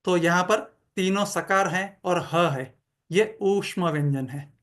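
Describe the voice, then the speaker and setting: A woman teaching Sanskrit pronunciation in an explanatory lecture, speaking slowly and deliberately and demonstrating sounds by repeating them. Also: on the low side.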